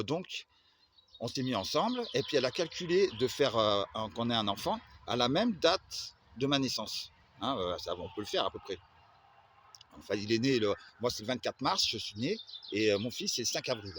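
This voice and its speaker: A man's voice: lowish voice, a little hiss or hum. A man from the Agen area telling a long personal story, hesitant and full of fillers and restarts. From Agen area, southwest France.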